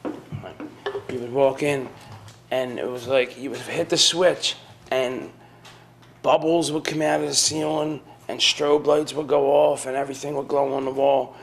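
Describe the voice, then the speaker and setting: Young guy ranting, kinda gravelly, keeps saying you know what i mean. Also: medium pitch, steady tone, measured pace, a little hiss or hum. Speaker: storyteller. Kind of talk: casual rant.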